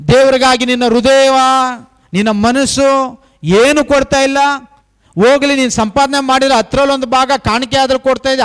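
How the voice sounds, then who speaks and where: A man preaches a sermon in a high voice, pressing his congregation with rhetorical questions. He drives each point home by repeating short phrases in an emphatic cadence, speaking as the pastor of the church. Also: a bit bright, smooth.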